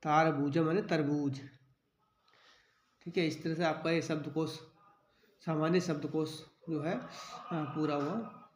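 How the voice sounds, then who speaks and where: A male teacher giving a children's vocabulary lesson, naming each word slowly and repeating it with its meaning, often checking "theek hai". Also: on the high side, steady tone, roomy sound.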